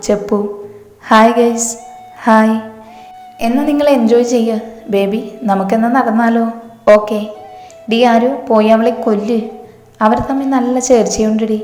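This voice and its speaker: Woman reading a romance story, flat voice. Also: mid-range voice, reverberant. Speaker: story narrator. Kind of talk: reading a romance story aloud, doing all characters.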